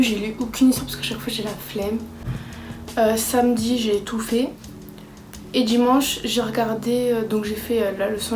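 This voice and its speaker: A young woman vlogger chatting casually to camera, self-mocking and excitable. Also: a little high. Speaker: vlogger tracking her language learning. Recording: roomy echo with background music.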